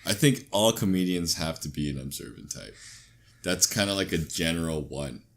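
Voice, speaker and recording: A man's voice: low-pitched, animated, normal speed, a bit bright. A young man chatting casually with a friend in informal, slangy speech. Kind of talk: casual chat between friends.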